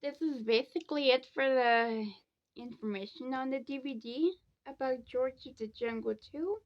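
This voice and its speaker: Sleepy woman, high voice, rambling home review, dull lo-fi sound. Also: normal speed. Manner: rambling, repeats herself. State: tired, sleepy. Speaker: DVD reviewer. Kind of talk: casual review vlog.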